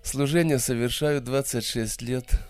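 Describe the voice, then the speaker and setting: A man's voice: mid-range voice, fairly even intonation, measured pace. A man in his fifties, a presbyter leading a church meeting, addressing the congregation in a folksy, lightly joking way. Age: 50s. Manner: folksy, gently joking leader.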